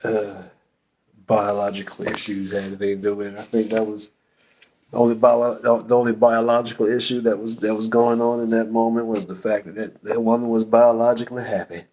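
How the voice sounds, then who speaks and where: A father chatting casually on his son's podcast, joking and teasing, with frequent halting restarts. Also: on the low side, flat delivery, a little mellow. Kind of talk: casual chat.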